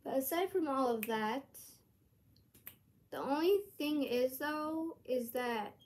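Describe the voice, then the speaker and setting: A woman with a high voice speaks to her channel in an unhurried, earnest casual vlog. She rambles and restarts her thoughts mid-sentence. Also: darkish tone. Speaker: YouTuber.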